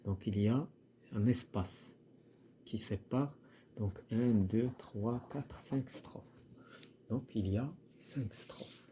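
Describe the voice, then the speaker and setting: A man's voice: lowish voice, takes it slowly, warm tone, slight background noise. A man teaching a primary school French lesson, hesitant, with many fillers and repeated words. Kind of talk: recorded lesson walkthrough.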